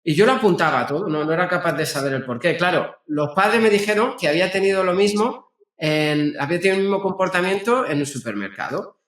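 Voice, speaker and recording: A man, speaking as a guest therapist in a conversational, halting way with frequent restarts. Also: high-pitched, lively intonation, fairly bright tone. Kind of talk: conversational explaining. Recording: roomy echo.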